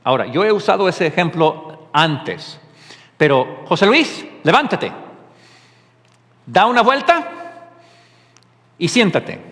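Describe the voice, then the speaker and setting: A man preaching a sermon as pastor, animated and full of rhetorical questions. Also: high voice, slow, long pauses, big-room sound.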